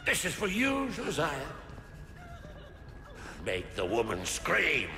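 An actor playing a fanatical, menacing cult preacher and torturer in a video game, swinging into shouts. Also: male voice, on the high side, huge pitch swings, slow pace, vocal fry, full character voice. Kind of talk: dramatic video game acting. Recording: echoey hall with loud music.

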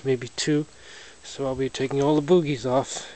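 At normal speed and with a voice of middling pitch, a hobbyist gives a relaxed, plainspoken, matter-of-fact walkaround of his snowmobile. He's indoors in a garage or shed with windows, holding the camera close. Clear noise sits under his voice in the noisy handheld audio.

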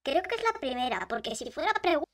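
A woman's voice: high voice, sing-song, fast. A young woman, joking playfully while chatting through quiz questions. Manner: playful, jokey, laughing. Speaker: vlogger. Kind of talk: casual quiz chat.

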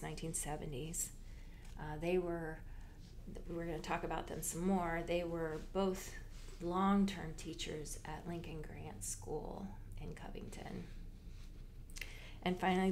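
A library genealogist walks listeners through a slideshow presentation, unhurried and informative but full of fillers and restarts. Her voice is low-pitched, gravelly, and darkish, with slight background noise.

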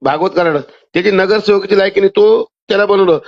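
A man's voice: sits high, fast talker, creaky. A man, talking insistently as a caller over a telephone line and pushing in over the other person. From Maharashtra, India. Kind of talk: argumentative phone conversation. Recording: muffled phone call audio.

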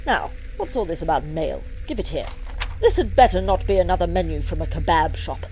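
A woman's voice: on the low side, lively intonation, fairly quick, dark tone, soft background music, low-quality recording. A woman playing an imperious, exasperated Satan in a comic audio drama, with a theatrical manner. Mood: pompous, amused. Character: imperious, pompous Satan ruling hell, easily exasperated.

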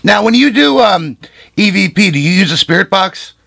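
Gravelly, husky man asking questions. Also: high voice, expressive, normal speed, bright, forceful tone. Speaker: interview host. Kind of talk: casual interview questions.

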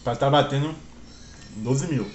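A man's voice: mid-range voice, unhurried, roomy sound, highs cut off, slight background noise. A man chatting casually to his viewers with his mouth full while eating on camera. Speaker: mukbang vlogger.

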